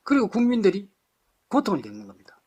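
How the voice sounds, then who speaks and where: A man lectures a live audience with fiery conviction, his voice pitched high and swinging widely as he hammers home rhetorical questions. He speaks bluntly and throws in harsh insults. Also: huge pitch swings, quick pace, warm tone.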